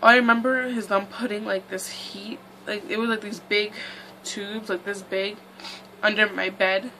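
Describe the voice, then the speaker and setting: A woman's voice: mid-range voice, flat delivery, normal speed, noisy background. A young woman vlogger telling a casual storytime in a chatty, rambling way full of "like" and "um".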